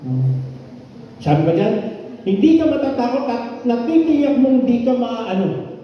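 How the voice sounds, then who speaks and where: High-voiced older man preaching in an echoey hall. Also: very animated, unhurried, a little hiss or hum. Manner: conversational, keeps asking the congregation questions. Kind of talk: Sunday sermon. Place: church hall. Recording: echoey, dull hall sound from far off.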